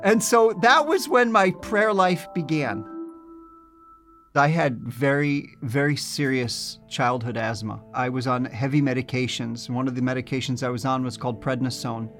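A man from New Jersey, a scholar, telling his personal testimony in an animated storytelling way. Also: mid-range voice, moderate pace, faint music behind.

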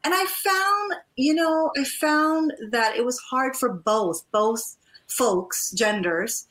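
The audio is poor, but her voice comes through high, slow and a bit bright. She is an interview guest and life and divorce coach who was born in Trinidad, moved to the US at about eight, and speaks in an effusive, personal storytelling way.

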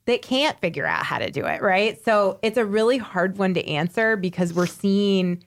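A woman's voice: medium pitch, sing-song, normal speed. Woman HR professional, mid-range voice, conversational, qualifies her views. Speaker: HR professional and podcast guest. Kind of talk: casual podcast chat.

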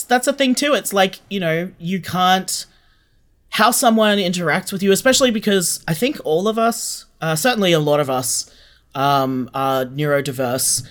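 A man with a fairly high, slightly bright voice speaks earnestly in a reflective interview, repeating phrases for emphasis. He is a podcast guest and co-creator of an audio drama.

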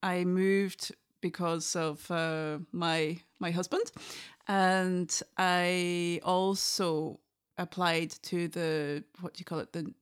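Clear, low-voiced Highland Scottish woman. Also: flat delivery, takes it slowly. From Inverness, north of Scotland. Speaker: podcast guest, fiddle player. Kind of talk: casual interview conversation.

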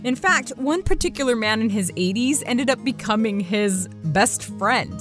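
Woman narrating with a lively, swooping pitch. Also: moderate pace, over music. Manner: playful, chatty asides to the listener. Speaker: podcast host and narrator. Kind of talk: scripted storytelling narration.

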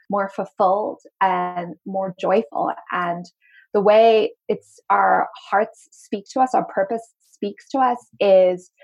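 A woman's voice: mid-range voice, creaky, darkish tone, highs cut off. A woman from Zimbabwe with a light Zimbabwean and South African accent that is mostly American, an enthusiastic, earnest marketing coach chatting as a podcast guest. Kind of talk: casual podcast conversation.

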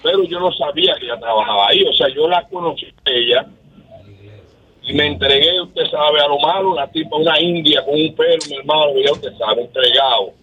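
A man's voice: on the high side, a little fast, sharp tone, slightly rough. A man in his sixties with a Dominican accent, calling in to a radio show and telling a rambling, earnest story. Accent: Dominican Spanish. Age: 60s. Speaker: caller. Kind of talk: phone-in story. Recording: tinny phone line.

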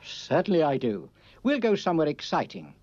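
An actor playing a kindly, polite older priest with a genteel manner in a television puppet drama. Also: male voice, a little high, wildly swooping pitch, fairly quick, a little mellow. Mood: earnest. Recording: dull lo-fi soundtrack, faint music.

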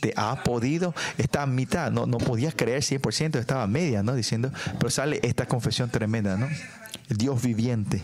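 A man preaching a sermon, reading scripture slowly and often adding tag questions and fillers. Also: medium pitch, darkish tone. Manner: reads scripture slowly and deliberately. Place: church service.

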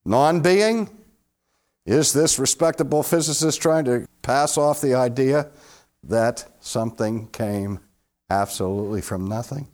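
A man giving a classroom theology lecture to a live audience, questioning listeners and swinging between loud emphasis and hushed low asides. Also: unhurried.

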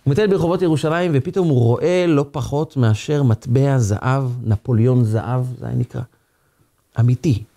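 A man, a rabbi, giving a sermon as a dramatic, expressive story. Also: mid-range voice.

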